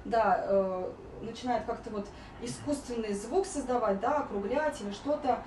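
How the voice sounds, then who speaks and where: In a roomy space, a high-voiced female vocal coach gives an informal spoken singing lesson, explaining and demonstrating vowels and sung warm-ups at a moderate pace. The audio carries slight background noise, echo from a distant mic, and music behind her.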